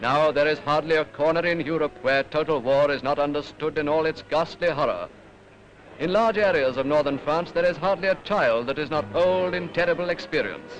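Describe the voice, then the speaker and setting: A man's voice: a little high, a little fast, muffled recording, slight background noise. A British man narrating a 1940s newsreel in a formal, declamatory manner, on an old film soundtrack. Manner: formal, rhetorical, declamatory delivery.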